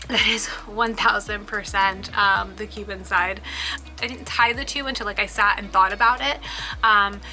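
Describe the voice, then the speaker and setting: Talking about her life in a laid-back vlog, a thirtysomething business owner whose native language is Spanish keeps dropping "um" and "like" as she chats. Her voice sits at a medium pitch with a sharp tone.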